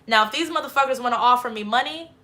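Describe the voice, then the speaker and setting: Profane, emphatic woman with a bright voice. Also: on the high side, fast talker. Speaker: livestream host. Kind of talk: casual spiritual monologue.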